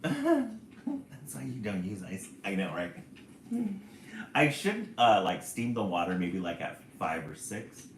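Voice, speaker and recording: A man in his forties hosts a casual livestream, chatting, reading viewer comments aloud, and laughing often. His lowish voice swings hugely in pitch at a slow pace, and the recording has a roomy echo plus a little hiss or hum.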